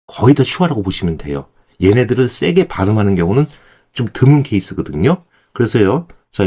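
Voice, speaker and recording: Male Korean pronunciation teacher, low and expressive, patient and step by step. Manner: demonstrates words slowly, then repeats them. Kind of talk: explanatory lesson.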